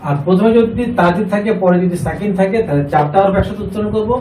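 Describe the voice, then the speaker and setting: A man with a fairly high voice leads a classroom Quran reading lesson. He asks questions, repeats the students' answers and draws syllables out in a chant. He is picked up from a distance in an echoey room with a faint hiss behind. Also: fast talker, mellow. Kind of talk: classroom lesson with call and response.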